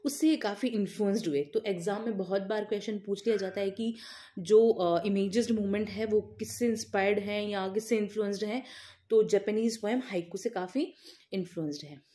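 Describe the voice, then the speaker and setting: A woman's voice: mid-range voice, dark tone. A woman teacher, giving an exam-focused literature lecture that mixes Hindi and terms, asking questions and answering them herself. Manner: explains in Hindi with many English terms and filler pauses; repeats key points, asks and answers her own questions.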